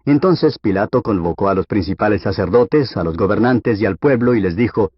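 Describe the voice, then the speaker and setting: A man reading scripture aloud for an audiobook in a steady, measured way. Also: on the low side, breathy edge, no echo. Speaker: Bible reader. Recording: dull, lo-fi dry recording.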